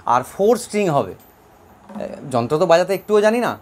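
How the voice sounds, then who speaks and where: A man's voice: high voice, very animated, moderate pace, darkish tone, slight background noise. A man from Bankura district in West Bengal, rambling chattily with many fillers as he reviews a new instrument he owns. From Bankura district, West Bengal, India. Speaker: instrument owner giving a review. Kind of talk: casual spoken review.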